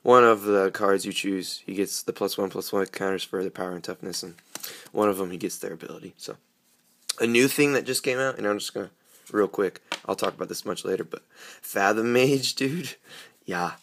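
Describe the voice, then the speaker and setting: Young guy with a cold, real low voice, kinda gravelly and grating, rambling on about cards at home. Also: normal speed, fairly bright tone, slight background noise. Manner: rambling, filler-heavy. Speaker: card game vlogger. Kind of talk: casual unboxing chat.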